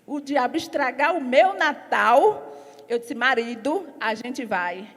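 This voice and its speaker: A woman giving her testimony in a church service, telling her story lively, acting out what others said, and growing loud and emphatic as she preaches. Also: high-pitched, takes it slowly. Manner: storytelling, acts out other people's lines in quotes. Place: church hall. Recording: long hall reverb.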